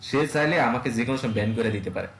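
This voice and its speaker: Fast-talking man teaching web design. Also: mid-range voice, animated, creaky, fairly bright tone, reverberant, slight background noise. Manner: casual, rapid, full of fillers and checks on students. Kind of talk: online class lecture.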